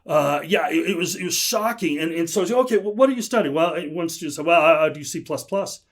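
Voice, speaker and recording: A man's voice: fairly high pitch, brisk. A man, a guest on a podcast, chatting casually and telling stories with lots of laughter and restarts. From United States. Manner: animated storyteller, laughs often, many restarts.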